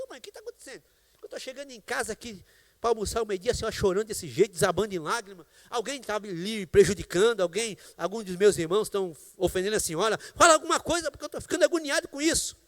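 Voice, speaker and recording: High-voiced Brazilian pastor preaching. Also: male voice, big-room sound. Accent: Brazilian Portuguese. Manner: storytelling testimony with preaching exclamations. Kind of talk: sermon. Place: large church temple. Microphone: live stream church microphone.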